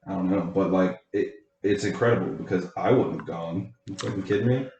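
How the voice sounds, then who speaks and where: A young man co-hosting a podcast in casual chat, joking and swearing in an excitable way. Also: low voice, a little fast, lo-fi sound, a little hiss or hum. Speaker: podcast co-host. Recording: roomy echo.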